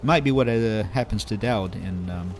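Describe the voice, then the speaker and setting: A man's voice: on the low side, moderate pace, faint music behind. A man hosting a let's play, giving casual, rambling lore commentary full of fillers. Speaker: gamer host.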